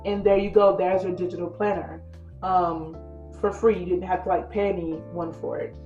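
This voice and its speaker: This woman's voice is on the low side with little pitch movement and a normal speed. A lifestyle vlogger, she gives a chatty, filler-heavy casual tutorial while a bit congested from a cold, calling viewers "girl" and "you guys." Soft music plays in the dull, roomy recording.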